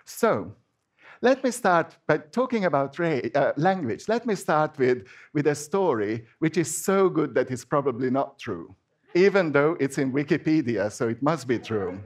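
This preacher, a man whose native language is Hungarian and who speaks with a Hungarian accent, gives a casual sermon in a chatty, halting manner, restarting often. His voice is a little high with big pitch swings, moving at a moderate pace.

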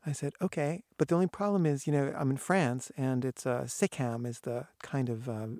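A man tells a casual personal anecdote, animated and acting out the voices of people he quotes, often halting and restarting. His voice is medium-pitched, captured in clean studio sound with no echo.

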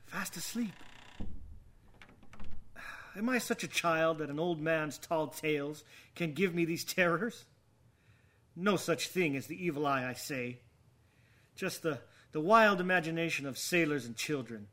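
This is an actor as a younger man with a fairly high voice and a slow, measured delivery. He is proud and troubled, brooding in formal, dramatic language. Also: animated, bright, forceful tone. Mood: hushed menace. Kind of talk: dramatic acted monologue and dialogue.

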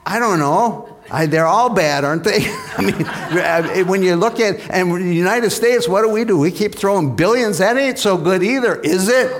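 A male pastor preaching in a church, his voice sitting a little high for a man. He keeps the sermon lively and calls on the congregation for amens. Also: normal speed, background noise.

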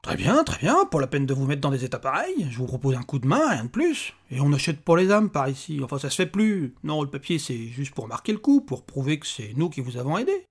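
A man's voice: mid-range voice, big pitch swings, brisk, hardly any pauses, husky. A man reading aloud and voicing a tiny, bald, bearded male imp who talks in an irritable, sarcastic rant. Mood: indignant. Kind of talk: audiobook character voice.

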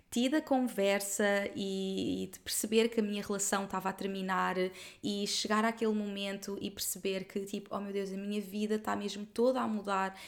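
Earnest European Portuguese woman, storytelling. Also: mid-range voice. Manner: heartfelt and earnest, speaks directly to her listeners; quick, with frequent fillers and repeated words. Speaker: podcast host. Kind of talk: personal storytelling monologue.

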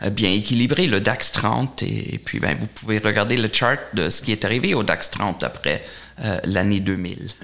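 A middle-aged German man, a portfolio manager appearing as an interview guest, answers questions in French, his second language, with a German accent. He speaks haltingly and often repeats words, in a lowish, gravelly voice that is a bit bright.

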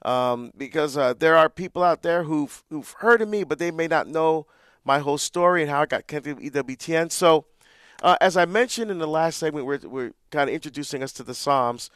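A man's voice: a little high, fairly quick, no room sound, clean studio sound. Earnest Barbados-born man hosting radio. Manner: earnest, warm storytelling with frequent restarts. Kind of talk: live call-in radio talk.

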